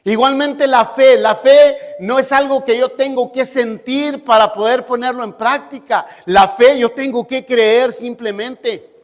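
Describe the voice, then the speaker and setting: A man's voice: very high-pitched, fairly even intonation, measured pace. A man preaching a sermon in an emphatic style, often checking in with the congregation. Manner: emphatic, asks listeners "¿sí?" often. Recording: long hall reverb.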